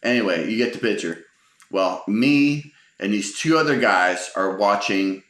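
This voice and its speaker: A man's voice: on the low side, lively intonation, unhurried, a bit bright. A middle-aged man telling humorous stories from his life in a rambling, casual way, with lots of fillers and chuckles. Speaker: storyteller. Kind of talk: casual spoken storytelling. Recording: roomy echo.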